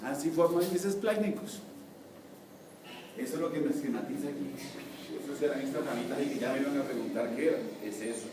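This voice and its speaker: A man's voice: medium pitch, a little fast. A man giving a university anatomy lecture, explaining step by step and checking with his students. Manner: explains step by step, asks the class to confirm. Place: lecture hall. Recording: echoey hall from far off, faint noise.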